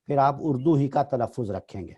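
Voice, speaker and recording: A man's voice: medium pitch, animated, warm tone, breathy edge, dull audio. A man teaching in a literary discussion, patiently explaining and correcting pronunciation.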